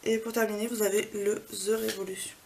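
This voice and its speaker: A woman beauty vlogger, soft-spoken, walking through makeup swatches in a casual way at home and often dropping to a near whisper. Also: medium pitch, flat delivery, a little fast, gravelly, slight background noise, low-quality recording. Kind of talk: casual product swatch walkthrough. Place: home apartment.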